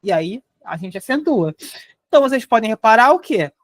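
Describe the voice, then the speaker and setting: A woman's voice: fairly high pitch, very animated, no room sound. Woman teaching grammar in a dry close sound. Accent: Brazilian Portuguese. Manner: explains step by step, often says "ó", spells out syllables slowly. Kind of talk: live online grammar lesson.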